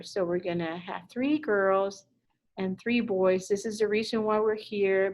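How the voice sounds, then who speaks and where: Recording a classroom introduction for parents, a Spanish teacher in her fifties, originally from Puerto Rico, rambles in a chatty, warm-hearted way full of fillers and small restarts. Her middle-pitched voice is picked up roughly by a laptop mic in the room.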